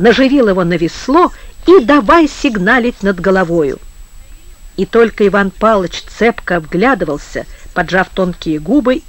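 Guy reading a novel aloud, measured and expressive, dry close mic. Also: sits high, no room sound. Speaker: audiobook narrator. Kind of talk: literary audiobook narration.

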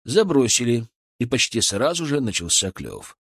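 Expressive male audiobook narrator. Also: medium pitch, moderate pace, slightly rough, dry recording, studio quality. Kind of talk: scripted first-person fantasy narration.

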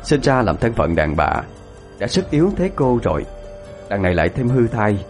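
A man's voice: on the low side, very animated, moderate pace, soft background music. A man narrating a tragic tale in a dramatic, mournful way. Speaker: storyteller.

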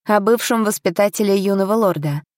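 A woman's voice: medium pitch, fairly quick, darkish tone, no room sound, studio quality, lightly acted. Woman reading an obliging male steward. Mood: respectful.

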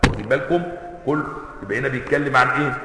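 Egyptian male sheikh teaching, chants the examples and keeps checking the room with quick questions, bright edgy tone, long hall reverb. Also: mid-range voice. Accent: Egyptian Arabic. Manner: chants recited examples, then quizzes listeners with quick rhetorical questions. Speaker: sheikh teaching a classical text. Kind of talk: religious lesson on Quranic recitation.

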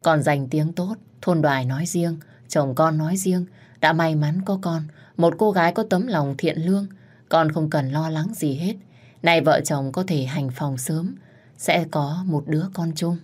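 A woman voicing a kindly old male village healer, gentle and fatherly as he reassures a young wife. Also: deep voice, a little slow. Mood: reassuring.

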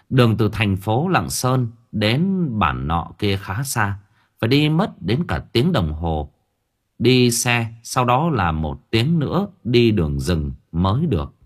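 A man narrating a novel as an audiobook in expressive storytelling style. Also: on the low side.

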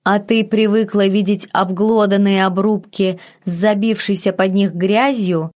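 A woman's voice: medium pitch, fairly even intonation, a little slow, a little mellow, lightly acted. A woman voicing a cocky, sarcastic man who teases and scolds. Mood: mocking. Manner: sardonic, teasing. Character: mocking, cocky young man, sharp-tongued.

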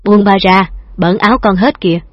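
A doting old father who grumbles and mock-scolds in a fond way, as a female narrator reads him in an audiobook. Her voice stays near its own pitch, and the recording sounds dull, lo-fi and dry. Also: normal speed, dry recording, lightly acted. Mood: fondly scolding.

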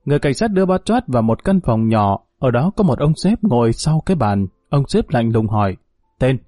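Male audiobook narrator, steady and measured, warm dark tone, dry close read. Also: medium pitch, no room sound.

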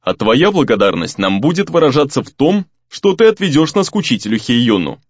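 A man's voice: medium pitch, very animated, brisk, slightly rough, no echo, muffled recording. A man voicing a blunt, meddling male companion who speaks in a pushy way in an audiobook.

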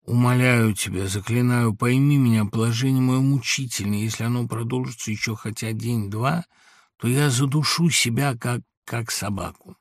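A man's voice: mid-range voice, moderate pace, no echo, studio quality, natural voice. A man voicing a desperate young man who urgently begs his friend for help, in an audiobook reading. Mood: pleading. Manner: urgent, pleading.

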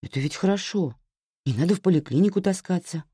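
A woman reading a story aloud, voicing a practical, sympathetic young friend who speaks calmly. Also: fairly low pitch, fast, slightly rough, dry recording, clean studio sound, pitched above the performer's own voice. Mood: reasonable.

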